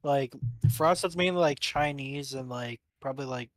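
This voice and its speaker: A man's voice: mid-range voice, moderate pace, no echo, studio quality. A man from Canada co-hosting a live reaction stream, blunt and playful in casual banter. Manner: blunt, playful, laughs along. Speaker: co-host.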